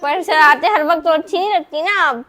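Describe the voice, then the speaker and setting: High-voiced woman coaxing playfully. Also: brisk, sharp tone. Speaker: family vlogger. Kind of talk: casual vlog.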